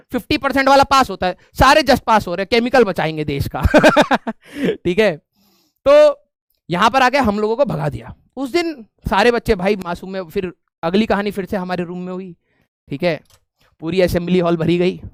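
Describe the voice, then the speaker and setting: A young man casually telling a story to his viewers, animated and often saying "ठीक है". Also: high voice, smooth, no room sound, studio quality.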